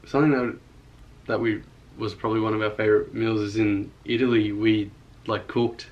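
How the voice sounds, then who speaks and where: A young man co-hosting a casual question-and-answer chat with his wife, relaxed and easygoing, his speech halting with fillers. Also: fairly low pitch, muffled recording. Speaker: co-host of a couple's channel.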